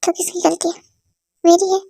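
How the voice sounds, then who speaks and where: A curt young husband who answers in short, clipped retorts, as a woman voices him for a fan-dub drama. The delivery stays very high and monotone. The sound is close and dry. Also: normal speed, vocal fry, no room sound. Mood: sarcastic.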